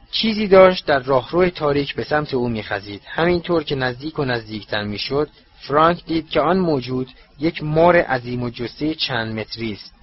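Husky man narrating a storybook. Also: fairly high pitch, dull audio. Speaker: audiobook narrator.

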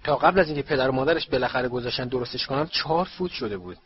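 A man voicing an angry middle-aged wizard father who scolds his sons loudly, in an audiobook recording with a slightly dull sound and faint hiss. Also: mid-range voice, natural voice. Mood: scolding. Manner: scolding, shouting.

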